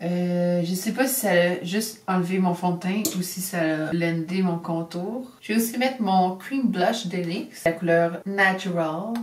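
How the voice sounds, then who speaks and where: A woman's voice: lowish voice, unhurried, few pauses, recorded from a distance, over music. A young woman with a Québécois French accent chatting casually as she unboxes beauty products and does her makeup, tossing in English beauty words. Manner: chatty, upbeat, drops English beauty terms. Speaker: beauty vlogger. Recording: echoey room, voice a bit off-mic.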